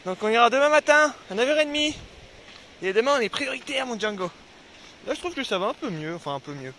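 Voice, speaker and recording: Chatty man vlogging outdoors, bright voice. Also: extremely high pitch, expressive, fast talker, slight background noise. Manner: chatty, talks to his dogs, swears when annoyed. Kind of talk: casual travel vlog to camera. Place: outdoors by a river.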